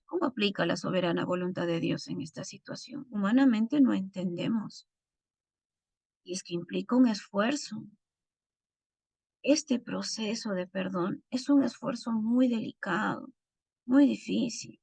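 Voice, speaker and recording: Middle-aged woman teaching a bible class, earnest, bit of vocal fry, dry close sound. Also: mid-range voice, unhurried, a little mellow, no room sound. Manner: earnest, speaks to the listener as "tú".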